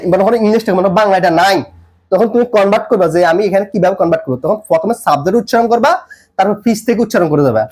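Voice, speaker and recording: Quizzing the viewer and repeating points as he goes, a man with a high voice and darkish tone explains English grammar in a tutorial.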